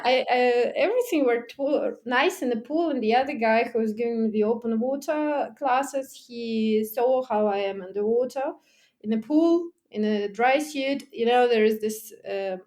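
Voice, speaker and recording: The guest, a technical diver and underwater photographer whose first language isn't German, chats about her diving at a moderate pace in a slightly high voice. Lively and quick to laugh, she acts out her past remarks and uses restarts and fillers like "like."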